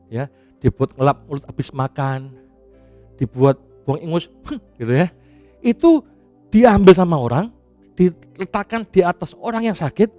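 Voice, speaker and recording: Animated preaching man with faint music. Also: a little high. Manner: chatty and animated, laughs often, casual asides. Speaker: pastor. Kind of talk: sermon.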